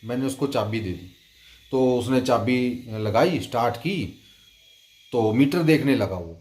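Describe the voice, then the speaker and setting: A man's voice: mid-range voice, animated, measured pace, a little mellow, roomy sound. A man hosting a dream-telling channel, chatting casually to his viewers and often tagging his sentences with "okay". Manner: chatty, keeps addressing friends, frequent "okay" tags. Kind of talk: casual storytelling monologue.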